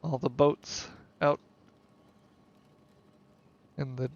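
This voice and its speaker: A man's voice: medium pitch, level tone, drawn-out words, gravelly, no echo, highs cut off. A man live-streaming a building game, casually chatting with and teasing his viewers.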